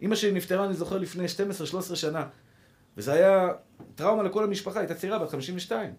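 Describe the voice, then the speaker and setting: A man's voice: high-pitched, darkish tone. A man preaching a sermon as a rabbi, impassioned and repeating phrases for emphasis, calling his listeners brothers. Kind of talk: Torah sermon to a congregation.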